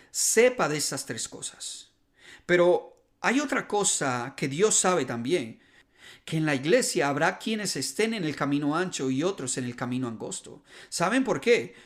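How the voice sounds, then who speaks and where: A man preaches in an earnest storytelling way and builds his voice up on the points that matter most. His voice sits a little higher than most men's. He keeps a steady, teaching rhythm. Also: unhurried. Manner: earnest storytelling, rising emphasis on key points. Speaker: preacher and podcast host. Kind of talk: sermon told as a story.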